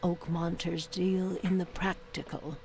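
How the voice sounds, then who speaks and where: An actress playing a mysterious fortune-teller woman in a video game, speaking in a theatrical, drawn-out way with breaths of whisper. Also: on the low side, little pitch movement, gravelly, over a noisy crowd, poor audio. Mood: sly, bargaining. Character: mysterious, knowing fortune-teller woman who sells visions. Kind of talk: video game character acting.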